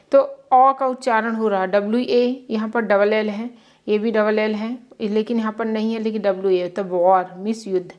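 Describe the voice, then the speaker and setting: A woman's voice: medium pitch, a little mellow. A woman teaching a beginner English phonics lesson, patiently spelling each word letter by letter and giving its meaning.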